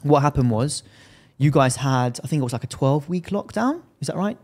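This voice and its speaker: A man's voice: on the high side, lively intonation, brisk, darkish tone. A man with a London accent, hosting a casual interview in a chatty, teasing way. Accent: London English. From London, England. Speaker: interviewer host.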